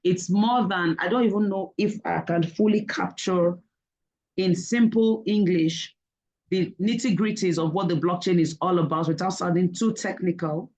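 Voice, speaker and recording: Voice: mid-range voice, fairly even intonation, normal speed, darkish tone, low-quality recording. An online webinar presenter talks the audience through a topic one step at a time. The delivery leans on check-ins like "okay?" and the odd filler, in an explanatory, teacherly way.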